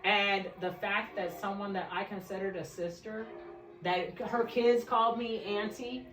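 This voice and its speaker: A woman's voice: medium pitch, steady tone, measured pace, fairly bright tone, roomy sound, far from the mic, soft background music, poor audio. A woman guest telling her own story in a casual chat, speaking frankly and laughing often.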